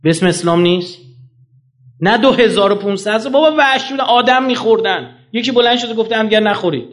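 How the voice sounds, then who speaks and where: A man giving a lecture to an audience, emphatic, firing off rhetorical questions and swinging his pitch up and down.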